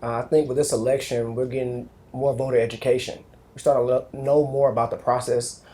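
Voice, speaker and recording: A man in his thirties from Atlanta, speaking on a panel and listing points briskly. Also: medium pitch, flat delivery, mellow. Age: 30s. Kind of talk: panel discussion.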